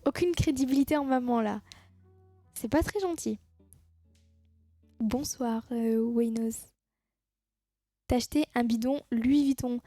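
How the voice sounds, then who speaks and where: A woman's voice: a little high, unhurried, long pauses, warm tone, dry recording, soft background music. A woman chatting casually with her viewers on a live stream, teasing them and laughing at her own jokes.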